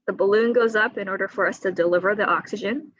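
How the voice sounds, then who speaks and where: A woman surgeon on a video call, explaining surgery risks to patients in a clear, teaching manner with a few fillers. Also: mid-range voice, fast talker, fairly bright tone, no echo, dull audio. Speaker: thyroid surgeon. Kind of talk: patient education talk. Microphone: computer mic on a video call.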